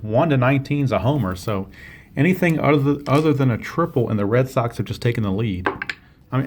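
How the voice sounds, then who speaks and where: A man calls a tabletop baseball game as a play-by-play commentator, his voice sitting at an ordinary middle pitch. He walks through each roll in a steady, explaining way, fixing his own slips as he goes, with a faint hiss underneath. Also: vocal fry.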